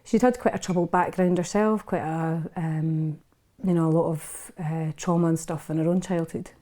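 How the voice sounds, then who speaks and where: A Scottish woman in her fifties speaks as a podcast guest, candid and unguarded as she tells her own story. Her voice sits low and mellow, and she often stops and restarts mid-sentence. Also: steady tone, moderate pace. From Scotland. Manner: frank and unguarded, with frequent restarts. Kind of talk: candid personal storytelling in a casual interview.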